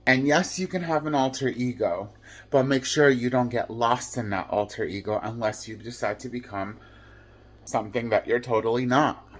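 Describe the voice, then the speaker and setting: A man's voice: medium pitch, moderate pace. A man with a mid-range voice talks to camera in a casual monologue. He sounds earnest and reflective, loose and conversational, with fillers scattered through. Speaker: vlogger.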